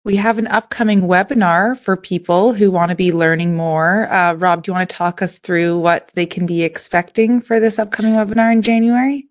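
A woman's voice: lowish voice, fairly even intonation, brisk, few pauses. A woman hosting a podcast in a conversational, informal style. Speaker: podcast host.

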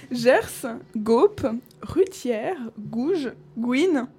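Amused high-voiced woman chatting. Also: extremely slow. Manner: amused, lively listing, frequent laughs. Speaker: host. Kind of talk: casual chat reading slang from an old dictionary.

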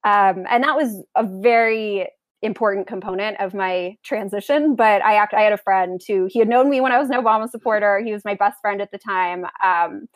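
A woman's voice: mid-range voice, a little fast, dry recording. Dry-sounding Valley Girl woman, young podcast guest. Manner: Valley Girl talk peppered with "like". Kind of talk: casual interview chat.

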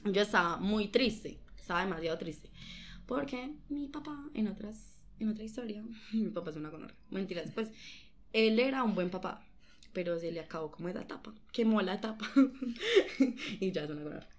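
A young woman with a Colombian accent, telling a personal story in a giggly, animated way, full of slang. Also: mid-range voice, moderate pace. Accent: Colombian Spanish. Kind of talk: casual chat.

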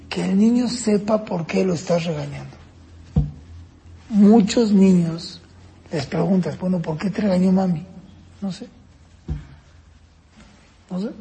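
A man lectures parents in a high, gravelly voice with a mellow, dark tone. He acts out short exchanges between parent and child as he explains. His voice rings through a room with a long reverb. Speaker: parenting course teacher.

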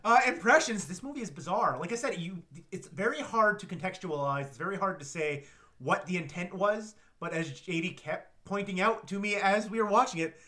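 A man's voice: sits high, animated, a little fast, bright, forceful tone. A man co-hosting a movie podcast, chatting casually and reading out lines from the film in mock-dramatic voices. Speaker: podcast co-host. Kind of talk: casual movie review chat.

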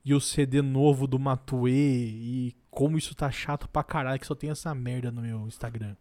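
A young man speaks with a Brazilian Portuguese accent in a middle-pitched voice. He banters like a podcast co-host, loose and slangy, joking crudely and swearing freely. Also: steady tone, moderate pace, darkish tone. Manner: crude, joking, profanity-laden.

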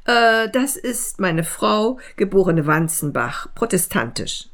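A woman voicing a thin, excitable, chatty man who gushes and fawns over an old school friend in a read-aloud story. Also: medium pitch, takes it slowly, full character voice. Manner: gushing, fawning, talkative.

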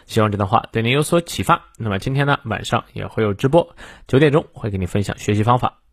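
A man teaching English in a morning reading lesson, explaining phrases and coaching pronunciation step by step with soft filler particles. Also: on the low side, animated, fast talker, no echo, clean studio sound.

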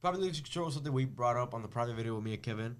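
Young guy rambling in a casual group chat, keeps repeating himself, medium pitch. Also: expressive, racing.

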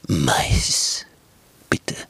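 A man voicing a sly, sneaky wolf in a low, hushed, whispery voice. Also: very slow, dry recording.

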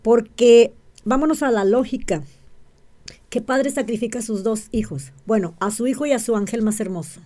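Dark-voiced woman explaining. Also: a little high, moderate pace. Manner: keeps checking in with "¿sí?" and asks rhetorical questions. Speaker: interview guest, self-described witch. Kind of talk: explanatory interview talk.

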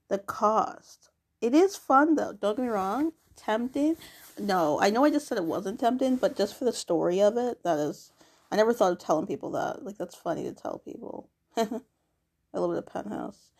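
Young woman, gravelly fry, mellow dark tone, rambling diary chat, lots of fillers and swearing. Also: mid-range voice. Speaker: vlogger. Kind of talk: casual rambling diary monologue.

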